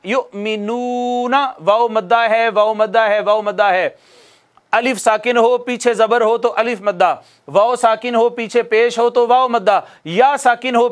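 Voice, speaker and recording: A man teaching Quran recitation, explaining rules, quizzing his students and slowly chanting the examples. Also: high-pitched, fairly bright tone. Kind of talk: recorded tajweed lesson.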